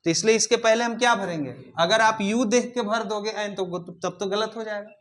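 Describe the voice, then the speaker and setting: A male English teacher moves briskly through a classroom grammar lesson, his high, lifted voice carrying a fairly bright tone. He keeps shooting questions at the students and repeats prompts until they reply.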